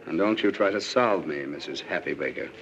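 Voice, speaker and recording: A man playing a brooding, self-important pianist with deadpan, blunt delivery in 1940s screwball comedy banter. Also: low voice, brisk, creaky. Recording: dull old film soundtrack with music.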